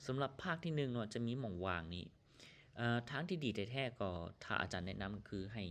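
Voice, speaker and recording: A man's voice: medium pitch, animated, fairly quick, a bit bright. A man from Laos teaching an English lesson, reading each English phrase and then explaining and translating it. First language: Lao.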